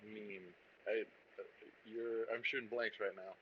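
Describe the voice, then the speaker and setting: A man's voice: lowish voice, fairly even intonation, unhurried, highs cut off, slight background noise. A man chatting as a podcast guest, hesitant and restarting his sentences often. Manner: hesitant, many restarts and fillers. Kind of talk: casual podcast chat.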